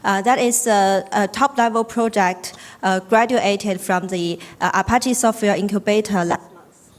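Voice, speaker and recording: Woman from china, polite and measured, uh-fillers, panel self-introduction. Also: medium pitch.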